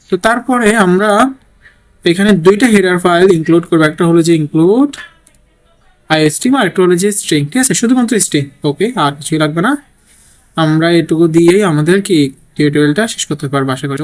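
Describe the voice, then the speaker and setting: A man teaching a programming lesson while typing code, thinking aloud and often checking in with "okay?". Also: a little high. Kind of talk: screen-recorded coding tutorial.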